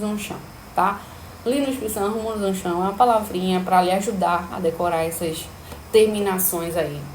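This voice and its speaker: A woman's voice: medium pitch, slight background noise. Woman teaching grammar in an echoey room. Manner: explanatory, checks in with listeners often. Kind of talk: grammar lesson. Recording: echoey room, faint ambience.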